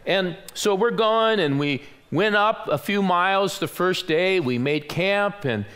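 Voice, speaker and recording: Male pastor in his sixties, sermon delivery, slightly high voice, folksy storyteller who acts out dialogue. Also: expressive, unhurried, a bit bright. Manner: storytelling, acts out quoted voices, self-deprecating humor. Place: church sanctuary.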